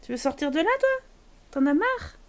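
A woman's voice: sits high, big pitch swings, quick pace. A woman streaming a life-sim game, joking crudely and talking to the characters on screen. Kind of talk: casual gameplay commentary.

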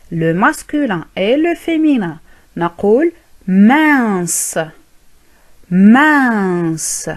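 A woman teaching a French lesson, saying each word slowly and repeating it several times for learners. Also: on the high side. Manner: drills each word with careful, drawn-out repetition. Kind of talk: slow, repetitive language lesson.

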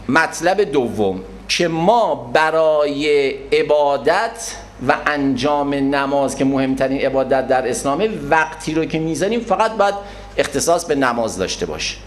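A man giving a religious lecture on prayer, animated, acting out people in little scenes. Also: medium pitch. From Iran. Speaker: Quran scholar and lecturer.

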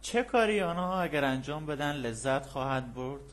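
A man teaching an English textbook lesson, reading the English lines slowly and deliberately, then explaining them in quick, casual Persian with an Afghan Dari accent and frequent fillers. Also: fairly high pitch, animated.

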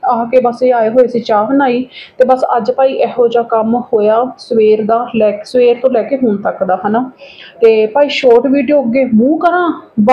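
A woman's voice: high voice, dull audio. A woman vlogger with a Punjabi accent, chatting casually through her daily routine and often adding little tag questions. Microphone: phone camera.

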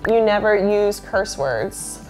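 A woman's voice: mid-range voice, expressive, slow pace, darkish tone, soft background music. A woman in her late twenties chatting casually to camera, bubbly and talkative, filling her sentences with "like". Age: late 20s. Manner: chatty, lots of "like" fillers, bubbly.

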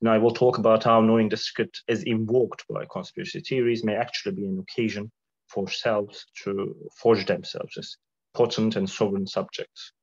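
Low-voiced sick man giving a talk. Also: level tone. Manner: careful, measured delivery with fillers. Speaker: guest lecturer. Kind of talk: academic presentation. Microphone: video call. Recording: dull lo-fi call audio.

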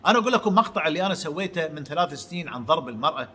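Man, heated preaching rant, rapid delivery, sharp tone. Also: animated, a little hiss or hum. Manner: heated, swings between shouting and low mutters. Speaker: channel host. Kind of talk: impassioned religious monologue.

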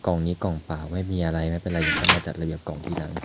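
A man's voice: low voice, little pitch movement, rapid-fire. A young man chatting casually as he plays a video game, thinking aloud and talking to his viewers. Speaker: gaming YouTuber. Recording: loud background noise.

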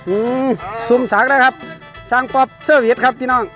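A man's voice: very high-pitched, little pitch movement, a little fast, music in the background. A man with a Northeastern Thai Isan accent, giving casual, exclamatory running commentary to viewers outdoors, often repeating words. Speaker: fishing vlog host. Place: outdoors at a rural pond.

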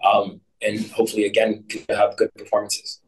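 A soccer coach giving measured, brief post-match answers over a video call. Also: male voice, fairly low pitch, monotone, recorded from a distance, low-quality recording.

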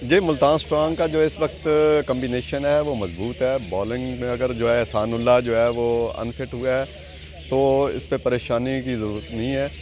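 A middle-aged man lays out his cricket analysis in a measured way, filling pauses with stock phrases. He speaks into a handheld mic out on a stadium ground at night. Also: medium pitch, steady tone, darkish tone. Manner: measured, many filler phrases. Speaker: cricket expert. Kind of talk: field interview.

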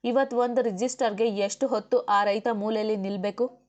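A woman's voice: a little high, steady tone, moderate pace, a little mellow, highs cut off, close to an everyday voice. A woman reading the part of an outspoken young woman officer and wife, firm and argumentative. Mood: defiant. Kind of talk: audiobook character voice.

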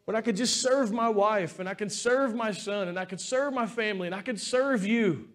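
A man's voice: high-pitched, moderate pace, a bit bright. A man preaching a sermon as pastor in a church, talking in an earnest, heartfelt, conversational way.

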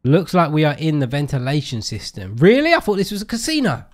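Teasing man with a lively voice. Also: on the high side, fast talker. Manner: teasing, joking. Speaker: gaming channel host. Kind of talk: playful gaming banter.

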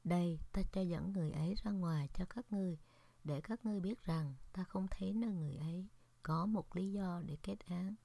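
A woman reading the part of a stern male Roman governor in a Scripture reading, measured and questioning. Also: fairly low pitch, creaky, mellow, no room sound.

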